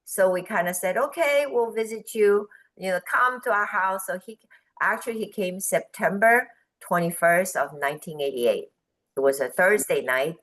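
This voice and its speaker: Animated woman telling a business story. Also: lowish voice, moderate pace, poor audio. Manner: animated, quotes people in raised voices, laughs. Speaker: guest speaker on business forum. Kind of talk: storytelling in a video call. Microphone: video call.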